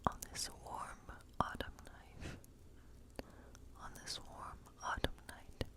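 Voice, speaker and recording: An ASMR role play features a woman as a gentle, kindly witch who reads tarot in her cottage in the woods. Her breathy whisper moves slowly, offering soft, soothing reassurance.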